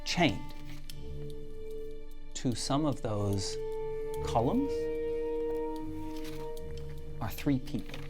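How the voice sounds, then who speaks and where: Slow, dramatic game master over music. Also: medium pitch, big pitch swings. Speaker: game master and show host. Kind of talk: live tabletop game narration.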